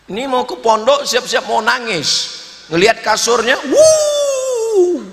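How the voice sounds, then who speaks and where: A man preaching a humorous religious sermon, swinging between booming declarations and quiet asides and acting out little dialogues. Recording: echoey hall with long reverb.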